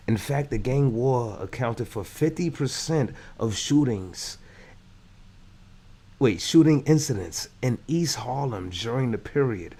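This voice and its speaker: A man's voice: on the low side, warm tone, breathy edge. A man giving slangy, laid-back commentary while reading a news story aloud. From Brooklyn, New York. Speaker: commentary host.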